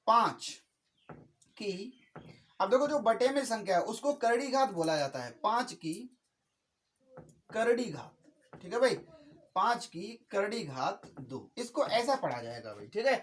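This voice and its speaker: A man's voice: high voice, a little hiss or hum. Man repeating "okay brother" as he teaches. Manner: says "ठीक है भाई" after nearly every sentence; slow and repetitive, spells out each step. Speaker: maths teacher. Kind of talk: classroom-style lecture.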